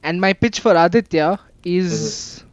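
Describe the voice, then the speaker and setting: A man's voice: sits high, measured pace, no echo, highs cut off. A young man co-hosting a casual podcast, laughing often and teasing his friends. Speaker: podcast co-host. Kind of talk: casual chat.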